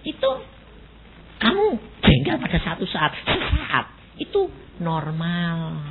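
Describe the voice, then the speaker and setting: Pengkhotbah pria berlogat Jawa yang ekspresif. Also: male voice, high voice. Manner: animated, acts out quoted voices, mixes Javanese words. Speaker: pastor. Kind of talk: sermon with storytelling. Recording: tinny phone-like recording with faint noise.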